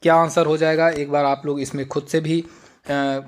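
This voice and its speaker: Male exam-prep tutor, fairly high voice, reads options slowly and explains plainly. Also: flat delivery, smooth. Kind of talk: Hindi exam-prep lesson with slow Sanskrit reading.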